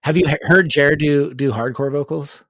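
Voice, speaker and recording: A man's voice: fairly high pitch, normal speed, a bit bright, dry recording. A man chatting casually as a podcast co-host. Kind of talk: casual chat.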